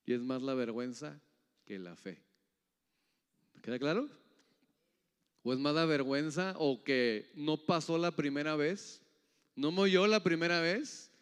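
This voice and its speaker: A man's voice: animated, unhurried, long pauses, smooth. Preacher man, ringing hall. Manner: keeps asking the audience "yes or no?"; swings between loud rising calls and soft low asides. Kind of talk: sermon. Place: church hall. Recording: long hall reverb.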